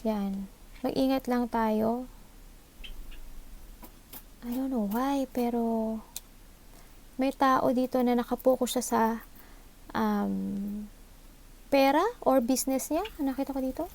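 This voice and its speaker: A woman's voice: on the high side, fairly even intonation, slow pace, long pauses, darkish tone. A woman with a Filipino accent doing a live tarot reading, thinking aloud into her microphone, mixing English into Tagalog and often seeking agreement. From Philippines. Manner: thinks aloud, mixes English into Tagalog, asks for agreement with short tag questions. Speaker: tarot reader. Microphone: own microphone.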